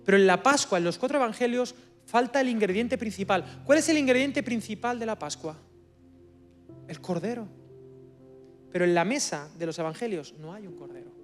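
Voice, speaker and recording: Guest preacher, Spain-accented man, high voice, swings between hushed and loud, soft music under. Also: expressive, normal speed. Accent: Spanish from Spain. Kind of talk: sermon. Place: church service.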